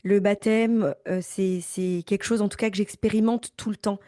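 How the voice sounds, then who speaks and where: A young woman from Paris speaks as a guest in a relaxed interview. Her voice is dark and mellow, recorded close and dry. She talks thoughtfully and pauses often, repeating small words as she works out her answers. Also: mid-range voice, no echo. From Paris, France. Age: young adult. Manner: thoughtful, many hesitations and repeats. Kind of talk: casual interview talk.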